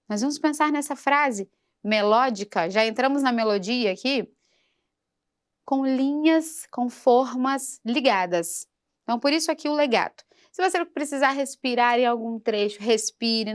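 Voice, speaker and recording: A woman teaches singing in a church program, talking slowly and patiently. Her speaking voice sits fairly high for a woman. She takes her time over each point and stops now and then to sing a phrase as a demonstration. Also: clean tone. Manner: slow, patient instruction with sung demonstrations. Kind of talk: vocal lesson for a church program.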